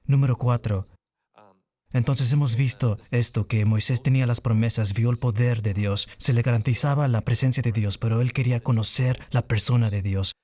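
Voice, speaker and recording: A man's voice: mid-range voice, fairly even intonation, normal speed, dark tone. A man preaching a sermon in an earnest teaching manner, lifting his voice on key points.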